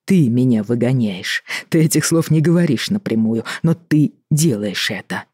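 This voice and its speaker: A reader voicing a tired, fed-up middle-aged doctor in an audiobook, reproachful and measured. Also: medium pitch, expressive, warm tone, husky, no room sound, studio quality. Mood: weary. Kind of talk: audiobook reading.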